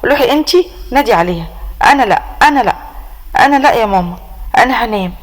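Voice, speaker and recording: A woman's voice: on the high side, animated, fast, low-quality recording. A woman voicing a frightened, simple-minded grown man who stammers and repeats himself, in an Egyptian accent. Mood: fearful. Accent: Egyptian Arabic.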